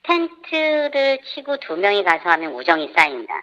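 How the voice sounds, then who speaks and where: Anonymous parent guest, a woman with her voice disguised lower by a voice changer, lively and bright-edged, indignant and listing faults. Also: normal speed, muffled recording. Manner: indignant, lists complaints point by point. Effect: voice disguised by a pitch changer. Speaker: parent of a camp participant. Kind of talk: live radio interview guest.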